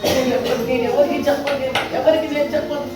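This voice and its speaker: A woman's voice: a little high, fairly even intonation, fast, lightly acted. A woman acting an ill old mother turned out of her home in a church drama skit, pleading and tearful, recorded from far off in an echoey, noisy hall. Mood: lost, tearful. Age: older.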